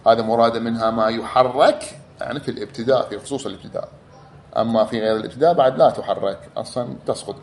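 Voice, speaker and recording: A man's voice: mid-range voice, gravelly, a little mellow, slight background noise. A man teaching a class, explaining step by step, repeating key words and drawing out examples. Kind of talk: explanatory lecture.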